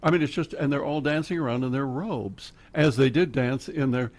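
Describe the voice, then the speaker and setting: Speaking at medium pitch and normal speed, this older Oklahoman has a slightly mellow tone. As a radio guest in the studio, he drifts through loose, talkative tales, laughing a lot and switching subjects freely.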